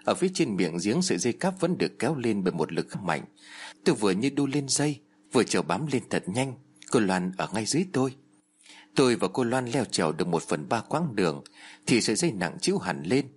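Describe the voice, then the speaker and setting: Male storyteller, husky, very lively pitch, dramatic horror narration. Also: a little fast. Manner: acts out the characters' shouts and pleas with raised pitch.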